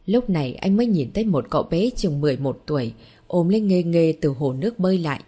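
A woman narrating a romance story as an audiobook in an even storytelling manner. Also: on the low side, quick pace, slightly rough.

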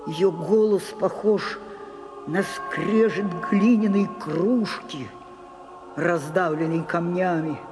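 This lowish female voice belongs to a radio-play actress cast as an ageing stage diva who is both imperious and capricious. Her delivery is theatrical, husky, and commanding, with a hushed, dramatic feel.

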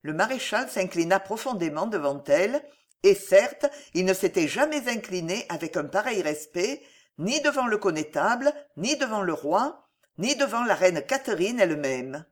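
A man with a French accent narrating a historical novel in an expressive, theatrical reading. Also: high voice, moderate pace. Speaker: audiobook narrator. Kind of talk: dramatic literary narration.

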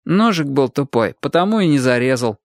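A man's voice: high voice, big pitch swings, a little slow, dry recording, voice pushed up, heavily acted. A proud, touchy schoolboy, as a male storyteller puts him on, guarded and stiff, trying to sound unbothered in a raised voice. The storybook recording is close and dry.

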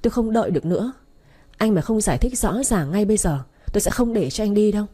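A woman's voice: medium pitch, expressive, quick pace, dark tone, breathy edge. A woman voicing Duyên, a furious young wife. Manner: raised, accusing delivery.

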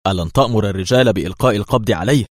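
A man's voice: lowish voice, very fast, dry recording, studio quality, lightly acted. A man voicing a nervous male embassy security official who speaks urgently.

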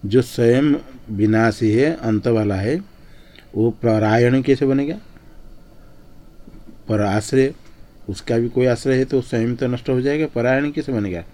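A man with a soft, dark tone teaches scripture to a class at an ashram. He recites a Sanskrit line, then explains it in plain Hindi at an even, steady pitch. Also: measured pace, pauses often. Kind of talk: Sanskrit commentary lesson.

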